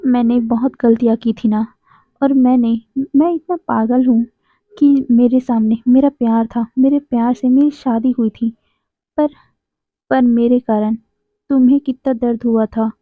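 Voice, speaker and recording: A woman's voice: fairly high pitch, steady tone, measured pace, no room sound. A woman reading the lines of a possessive, doting young man in a storytelling narration, with a pleading, devoted manner. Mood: tender. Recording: dry, tinny phone-like audio.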